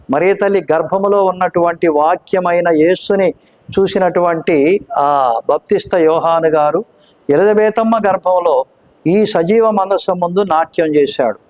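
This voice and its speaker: A man preaching a sermon, reading scripture slowly and deliberately and asking rhetorical questions. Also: fairly high pitch, a little mellow, lo-fi sound.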